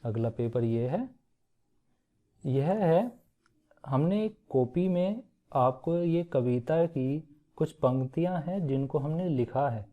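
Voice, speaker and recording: A man teaching young children, explaining a poem slowly, reciting it in a sing-song way and often checking that they follow. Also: fairly high pitch, animated. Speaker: primary school teacher. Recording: tinny phone-like audio.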